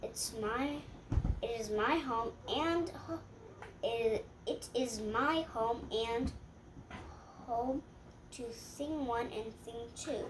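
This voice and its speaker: Reading a rhyming picture book out loud, a little girl with a high-pitched voice goes at a slow, hesitant pace, stumbling and then fixing her mistakes. Faint background noise runs through this home recording.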